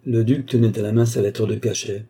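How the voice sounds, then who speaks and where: A man reading a classic novel aloud as an audiobook narrator, lifting his pitch to voice the characters' dialogue. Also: fairly even intonation, brisk, dark tone, husky. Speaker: audiobook reader.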